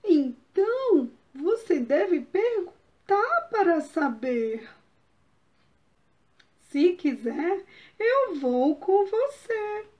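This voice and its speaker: A woman's voice: extremely high pitch, big pitch swings, very slow, voice pushed up, full character voice. Woman doing a kind, wise fox. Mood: gentle. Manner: gentle, coaxing questions. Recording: dull lo-fi recording.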